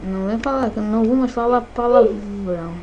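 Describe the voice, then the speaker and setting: A woman with a Brazilian Portuguese accent, excitedly commentating her own gameplay, cursing and shrieking at every scare. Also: a little high, brisk, dull audio, slight background noise. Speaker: gameplay channel host.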